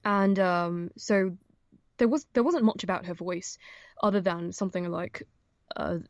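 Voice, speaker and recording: A woman's voice: on the low side, measured pace, no echo. A young woman, an audiobook narrator, chatting casually as an interview guest, with many fillers and restarts. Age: young adult.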